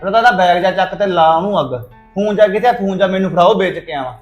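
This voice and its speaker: A hot-tempered young brother, played by a man, barking threats and commands in a high, fast voice. He is harsh and domineering, with soft music under him in this short-film drama. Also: natural voice. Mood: angry. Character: hot-tempered young brother forcing his sister's marriage. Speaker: angry brother.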